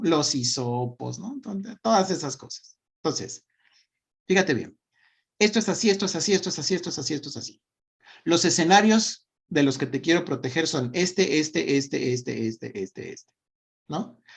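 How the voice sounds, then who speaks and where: Emphatic Mexican parenting speaker. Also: mid-range voice. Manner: emphatic, tags lines with "¿no?" and "punto"; acts out little quoted dialogues. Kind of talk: casual lecture.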